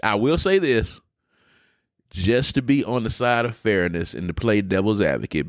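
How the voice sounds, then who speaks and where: A man co-hosting a podcast in casual chat, animated and blunt with his opinions. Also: low voice, no room sound, clean studio sound. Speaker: podcast co-host.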